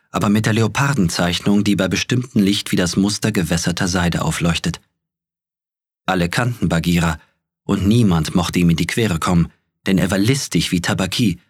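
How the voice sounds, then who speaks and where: A male narrator reads a storybook in a calm, measured way. His voice is very deep with a husky edge. The recording is dry and close to the mic. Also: no echo. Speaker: audiobook narrator. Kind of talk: scripted narration.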